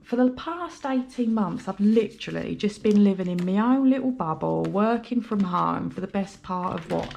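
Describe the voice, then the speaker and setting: Still nursing a blocked nose from her head cold, the British woman counts money for her budget vlog while chatting in a rambling, apologetic way. Her voice is medium-pitched with vocal fry and a dark tone.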